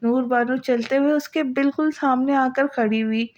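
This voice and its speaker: A woman's voice: high-pitched, steady tone, darkish tone, lo-fi sound. A woman narrating an Urdu novel as an audiobook in an emotional, dramatic way. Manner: emotional, voices the characters' cries.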